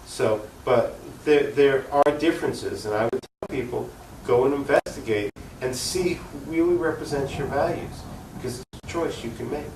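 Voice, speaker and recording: An American activist, a guest in an unscripted cable TV political interview, speaks earnestly and emphatically in a mid-range voice at normal speed. The audio comes from an echoey room with a distant mic and faint noise.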